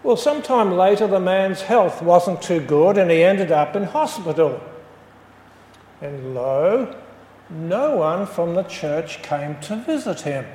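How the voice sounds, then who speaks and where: A pastor delivers a sermon in a high, unhurried voice, telling his story and emphatically driving home each point. He sounds animated and a little mellow, and a long echo carries his words through the roomy church hall.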